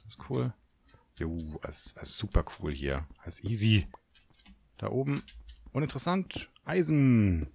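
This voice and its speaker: A young German gamer narrates his play, fretting aloud and cursing at monsters. His voice is low and gravelly, with big swings in pitch. A faint hiss and mouse clicks sit under his desk microphone. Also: very animated, slow, pauses often, darkish tone. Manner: nervous, swears at monsters, talks to himself. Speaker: gaming video host. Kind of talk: Let's Play commentary.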